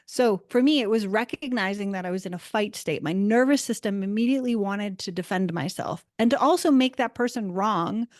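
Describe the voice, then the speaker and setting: A woman's voice: medium pitch, fairly quick, few pauses, no room sound. Reflective woman speaking on a dry mic. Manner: reflective, animated storytelling with frequent "like". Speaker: guest, Akashic Records practitioner. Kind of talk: casual conversational interview.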